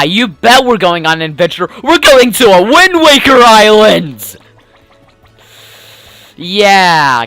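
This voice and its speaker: A man's voice: on the high side, pushed and bright, dry recording. A man giving casual let's play commentary, rambling and joking with lots of filler words. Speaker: gameplay commentator. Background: game music.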